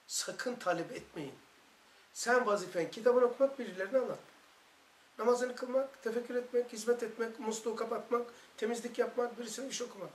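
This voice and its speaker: A man's voice: high voice, a bit bright, slight background noise. A man with a Turkish accent leading a religious study circle, talking with fervent, emphatic storytelling. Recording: echoey room recording.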